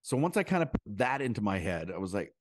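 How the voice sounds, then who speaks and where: Man, stand-up comedian, podcast guest, low voice, dry close recording, rambling anecdotes. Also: sing-song, no room sound. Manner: rambling storyteller with quick asides and voice impressions. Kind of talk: casual conversation.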